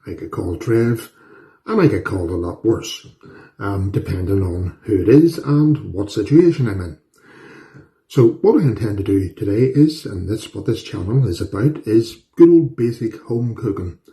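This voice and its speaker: Speaking at normal speed in a lowish, dark, animated voice, a cooking channel host with a Northern Irish accent demonstrates a dish in his home kitchen. He keeps things casual, chatty, folksy and self-deprecating.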